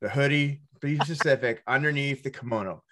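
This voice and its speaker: A man's voice: medium pitch, fairly quick, fairly bright tone, a little hiss or hum. A man hosting a podcast in a casual, conversational style. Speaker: podcast host. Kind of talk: casual chat.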